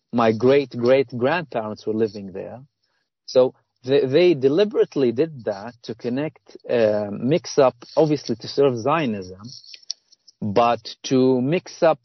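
A man from Palestine, a guest author in an interview, talking earnestly and haltingly with many fillers and restarts. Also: mid-range voice, no echo, dull audio. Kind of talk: interview conversation.

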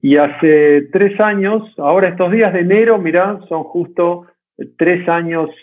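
A documentary director with an Argentine accent answers interview questions conversationally as a guest. His voice is high and his pace measured, and the call audio sounds tinny and narrow, like a phone.

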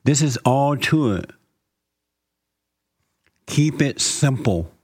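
Slow, calm man guiding a meditation. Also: medium pitch, husky. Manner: slow, calm instructions with repeated phrases and scripture. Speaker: meditation guide.

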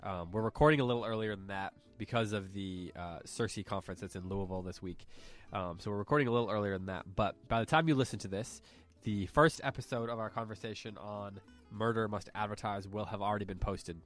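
A man's voice: lowish voice, fast talker, soft background music. A man hosting a casual podcast with a head cold, his nose stuffy and his voice nasal. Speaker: podcast host.

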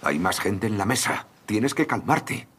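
A man's voice: lowish voice, expressive, measured pace, a bit bright, breathy edge, full character voice. An actor dubbing a grown man at a tense family dinner, scolding and coaxing by turns. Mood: stern. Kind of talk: dubbed TV drama.

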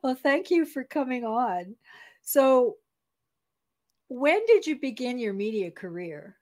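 A woman's voice: fairly high pitch, big pitch swings, slow, darkish tone. A woman hosting an interview, reading an introduction and asking short questions. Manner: reads the intro, then asks short questions. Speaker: podcast host.

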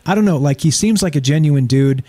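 A man's voice: fairly high pitch, lively intonation, a little fast, dark tone, slightly rough. A man hosting a talk show, giving his opinions in a casual, emphatic way, repeating himself and checking in with rhetorical questions. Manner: informal, emphatic, repetitive phrasing with rhetorical questions. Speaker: talk show host taking calls and chat.

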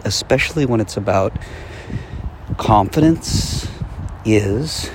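Low-voiced man coaching outdoors in a park. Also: vocal fry, darkish tone. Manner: deliberate phrasing with long pauses. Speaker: self-help meditation coach. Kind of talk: guided motivational talk on mindfulness. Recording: outdoor recording with park noise. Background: park background sounds, passing vehicles.

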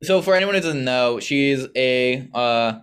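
A man's voice: medium pitch, lively intonation, unhurried, fairly bright tone, clean tone. A young man co-hosting a casual podcast, explaining things in a wry way with sarcastic asides. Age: young adult. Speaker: podcast co-host.

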